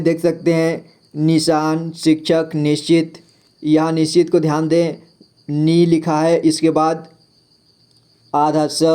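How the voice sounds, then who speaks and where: A man teaching Hindi spelling to beginners, reading words out one by one in a patient, drawn-out way. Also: fairly high pitch, warm tone. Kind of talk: slow spelling lesson for beginners.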